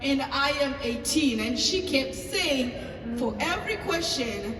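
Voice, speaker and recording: A woman's voice: sits high, lively intonation, measured pace, background noise. Tanzanian woman telling a story in an echoey hall. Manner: storytelling, acting out dialogue with hesitant fillers. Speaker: pastor. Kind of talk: personal story at a table talk. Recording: echoey hall from far off, faint ambience.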